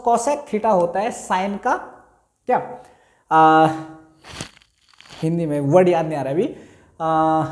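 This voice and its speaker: A man teaching a maths lesson at a board, repeating each key term slowly and asking himself the answer aloud. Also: sits high, a little mellow. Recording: roomy echo.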